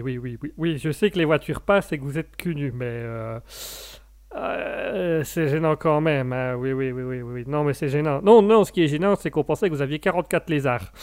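A man doing a stammering customs officer, awkward, polite, fairly high voice. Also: a little mellow, lightly acted.

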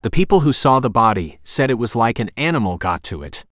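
A man's voice: mid-range voice, big pitch swings, a little fast, fairly bright tone, no echo, clean studio sound. A male narrator playing a cocky young man who talks in casual slang and grandstands as a prosecutor in an audiobook. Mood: brash. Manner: casual slang, showy, whiny at times.

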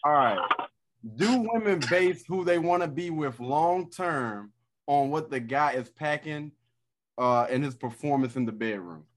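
A man hosting a casual group chat, talking loudly in slangy, joking banter. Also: on the high side, lively intonation, measured pace. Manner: loud, slangy, laughing banter. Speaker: host.

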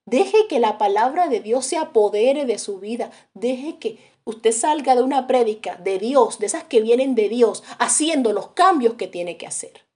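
A woman preaching a sermon dramatically, dropping to hushes and rising to loud cries, and acting out the people in her stories. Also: a little high, expressive, normal speed, hardly any pauses. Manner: acts out quoted voices in storytelling.

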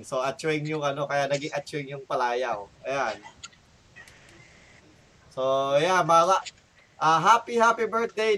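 A man's voice: a little high, bright, forceful tone, slight background noise. A middle-aged Filipino man hosting a casual podcast, rambling and laughing often. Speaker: podcast host.

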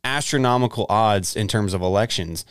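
Smooth-voiced, rambling podcast host. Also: male voice, lowish voice, normal speed, no room sound, clean studio sound. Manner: loose, rambling, swears casually. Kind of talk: casual chat.

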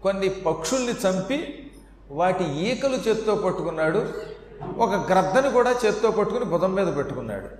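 A man giving a sermon, telling a story with chuckles, reciting Sanskrit verses slowly and then explaining them in quick everyday speech. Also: sits high, expressive, a little hiss or hum. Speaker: religious discourse speaker. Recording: echoey hall, faint ambience.

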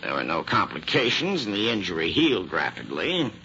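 An American actor playing an obliging, hesitant male doctor in an old-time radio drama, speaking in a halting, thoughtful way. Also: low-pitched, huge pitch swings, gravelly, bright, forceful tone, heavily acted. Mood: helpful, recollecting. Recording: noisy, muffled old radio recording.

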